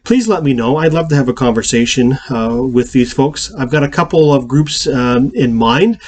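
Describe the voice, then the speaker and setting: A male pastor giving weekly church announcements, speaking haltingly with many fillers and restarts. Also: medium pitch, a little mellow.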